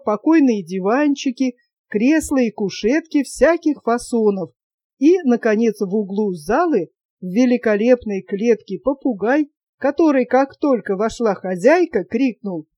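A woman reading a classic story aloud in an even, measured storytelling manner. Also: a little high, dry recording. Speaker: audiobook narrator. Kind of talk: literary narration.

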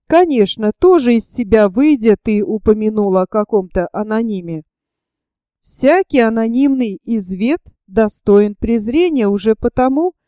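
A woman reading the part of a proud, stern aristocratic older lady who speaks in a measured, coldly formal way in an audiobook. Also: fairly high pitch, mellow, clean tone, no echo, studio quality.

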